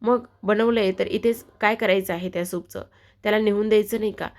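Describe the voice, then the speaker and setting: A woman's voice: mid-range voice, steady tone, a little fast, close to an everyday voice. A woman doing a scheming, scolding older aunt. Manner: scolding, wailing, theatrical.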